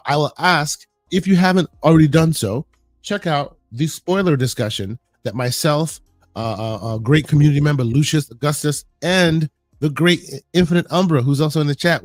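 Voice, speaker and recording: Hoarse, halting male podcast host. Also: on the high side, no echo, studio quality, faint music behind. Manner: halting, repeats words, friendly shout-outs. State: hoarse, sick. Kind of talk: casual podcast hosting.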